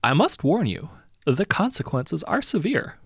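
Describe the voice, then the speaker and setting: A man lifts his voice into a greedy hero turned lord, falsely polite and quietly menacing. The sympathy rings hollow, the voice is gravelly and moves a lot. The sound is dry and close. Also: on the high side, sing-song, unhurried, no echo, voice pushed up, heavily acted.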